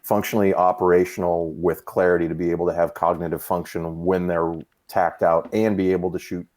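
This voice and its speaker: This is a casual chat with a podcast guest: a Massachusetts man in his fifties talking about fitness. His low-pitched voice moves at a brisk pace, and he tells relaxed stories full of fillers.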